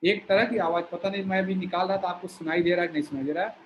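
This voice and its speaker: A man teaching a yoga breathing exercise, explaining slowly while he shows each step. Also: high voice, a little hiss or hum, poor audio. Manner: slow, explanatory, shows movements while talking.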